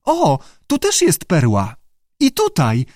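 A man voicing an excitable, spoiled young American woman who squeals and gushes. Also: sits high, normal speed, no room sound, studio quality, voice pushed up. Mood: squealing. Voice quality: squealing, gushing.

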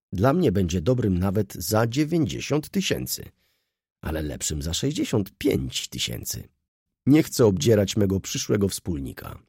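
A man doing a sly, sweet-talking lawyer from a classic audiobook, gravelly and husky, his voice rising and swooping as he coaxes and schemes, in a dry, close sound. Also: fairly low pitch, dry recording, voice pushed up, heavily acted. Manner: animated, persuasive, theatrical emphasis. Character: scheming middle-aged male lawyer, smooth and sly. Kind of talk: audiobook character voice.

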